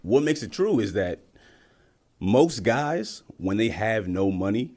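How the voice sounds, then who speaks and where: Low-voiced laid-back male podcast guest. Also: big pitch swings, slow pace, darkish tone. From Nigeria. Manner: laid-back, stumbles and repeats words. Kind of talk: casual podcast chat.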